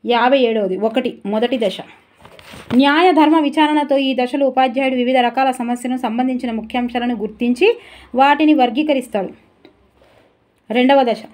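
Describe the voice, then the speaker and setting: A woman teacher giving a brisk, chatty exam revision lesson and turning aside to talk to viewers. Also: sits high, darkish tone.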